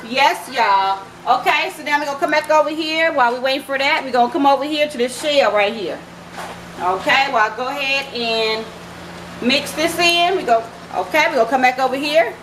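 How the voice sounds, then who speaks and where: A woman's voice: sits high, moderate pace. A woman hosting a casual cooking vlog from her home kitchen, chatting to her viewers as "y'all" and "baby.". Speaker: cooking channel host. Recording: echoey kitchen with background noise.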